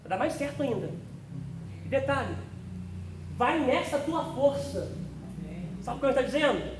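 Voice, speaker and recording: In a church classroom, a pastor with an extremely high-pitched, expressive voice teaches theology at a measured pace. His style is fervent and full of exclamations, and he addresses listeners by name, captured on a distant mic in a roomy space with faint noise.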